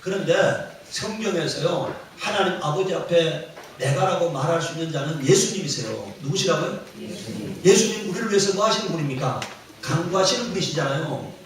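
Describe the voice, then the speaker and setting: A man's voice: on the high side, animated, a little fast. A man preaching a sermon as pastor, quizzing the congregation and repeating key phrases with emphasis. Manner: call-and-response questioning of the congregation. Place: church sanctuary. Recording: very echoey church hall, mic at a distance.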